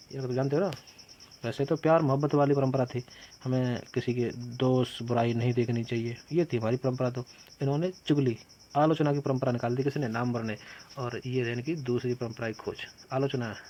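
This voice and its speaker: A man's voice: medium pitch, darkish tone, a little hiss or hum, low-quality recording. A male teacher running an exam-prep quiz lesson, playfully asking questions and answering them himself with jokey memory tricks, calling his students "bhaiya".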